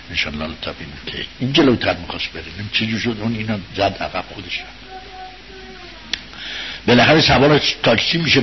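A man giving an informal religious talk, telling a story to his listeners in a conversational way, rising to loud bursts and sinking to quiet murmurs. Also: lowish voice. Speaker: religious speaker addressing an audience. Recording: dull lo-fi recording with faint hiss.

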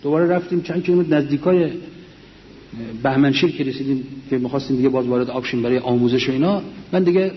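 A man's voice: mid-range voice, slight background noise. An older man, a war veteran, earnestly telling memories of his comrades to a mosque audience. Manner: earnest storytelling, quoting comrades. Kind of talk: memoir talk to a mosque audience. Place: large mosque hall. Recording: echoey, dull lo-fi hall recording.

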